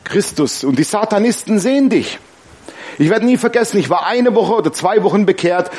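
Preacher guy, slightly high voice, tells funny stories, keeps asking the crowd stuff. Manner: lively storytelling with laughs and congregation call-and-response. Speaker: pastor. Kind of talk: sermon.

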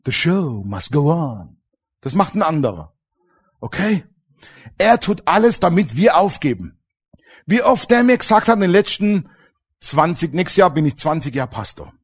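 A middle-aged male pastor preaching with a voice that rises and falls a great deal. He pitches his speech a little higher than most men and drives his points home with emphasis. He keeps checking in with the congregation through rhetorical questions. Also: big pitch swings, moderate pace, slightly rough. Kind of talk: sermon.

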